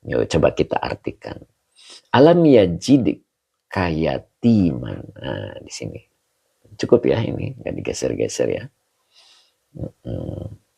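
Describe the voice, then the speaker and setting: Deep gravelly male religious teacher. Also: big pitch swings, measured pace, pauses often, mellow. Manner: greets viewers by name while explaining grammar. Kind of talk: online Quran exegesis lesson.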